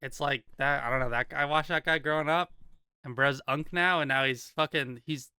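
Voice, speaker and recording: A man's voice: a little high, brisk, bright, forceful tone, smooth, no room sound, clean studio sound. A young man hosting a casual podcast with friends, upbeat with hype intros, talking over a call mic. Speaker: podcast host.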